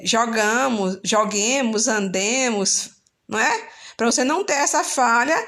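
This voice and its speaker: A woman's voice: a little high, fairly bright tone. A woman teacher, explaining grammar in a recorded lesson, often restarting and correcting herself mid-sentence.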